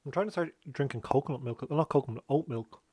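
A man's voice: medium pitch, fast, a little mellow, breathy edge. A man in his thirties reviewing cereal in a casual, rambling chat, swearing now and then and talking while he eats. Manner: chatty, swears, talks while eating.

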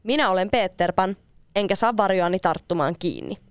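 A woman's voice: medium pitch, clear, resonant tone, dry recording, clean studio sound, natural voice. A woman voicing a cheerful, adventurous boy in a read-aloud storybook, confident and playful. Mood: friendly. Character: cheerful adventurous boy who never grows up.

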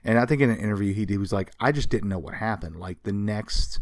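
This podcast co-host talks fast in a fairly low voice, spinning casual, emphatic stories about pop culture history in a conversational way. No echo is present.

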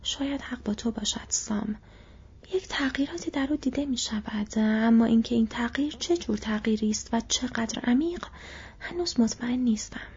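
A woman voicing a weary, gentle male hobbit master in a whispered role-play of a storybook, with a raspy whisper. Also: a little high, full character voice. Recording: dull lo-fi recording.

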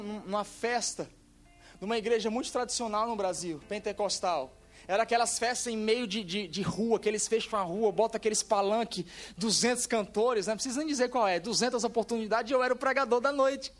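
Man, very high voice, animated sermon delivery, faint music behind. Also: brisk. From Brazil. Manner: animated, swings from quiet storytelling to shouted preaching. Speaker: pastor.

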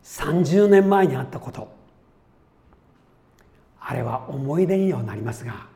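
A man's voice: fairly high pitch, expressive, a little slow, vocal fry, mellow. A man preaching a sermon as a pastor, chatty and folksy, with easy asides before he turns to the Bible passage. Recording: echoey room with faint ambience.

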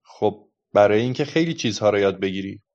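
A man's voice: on the low side, animated, darkish tone, close to an everyday voice. A man voicing a patient, patronizing adult policeman who lectures a child, in a dull lo-fi recording. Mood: lecturing.

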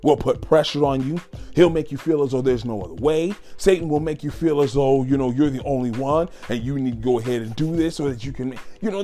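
A man's voice: on the high side, dark tone. A man giving an informal sermon, emphatic and full of rhetorical questions. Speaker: lay preacher.

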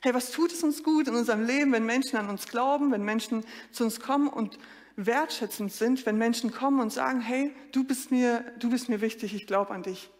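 A woman preaches in a lively storytelling way, often turning straight to her congregation. Her voice sits fairly high. It rings through a church hall with a long reverb. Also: a little fast. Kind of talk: sermon.

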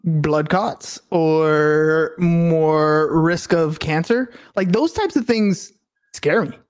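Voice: mid-range voice, extremely slow, darkish tone. A speaker in a casual debate who talks hesitantly, asking questions and often restarting sentences. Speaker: conversation partner.

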